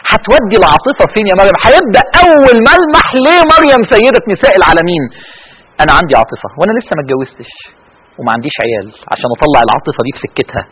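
A man with an Egyptian Arabic accent giving a religious lecture to young women, swinging between loud urging and hushed pleading. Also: a little high, husky, poor audio. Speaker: preacher.

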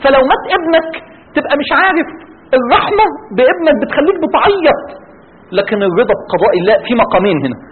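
A man's voice: extremely high pitch, sing-song, fast. A man with an Egyptian Arabic accent giving a religious lecture, firing rhetorical questions at his audience. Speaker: preacher. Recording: tinny band-limited with faint noise.

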